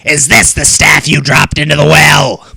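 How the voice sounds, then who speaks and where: Storybook troll: gruff, raspy, bright-edged little male troll, angry and sly. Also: on the high side, flat delivery, unhurried, no echo, voice pushed up, full character voice. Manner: snarling and shouting. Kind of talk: storybook read-aloud.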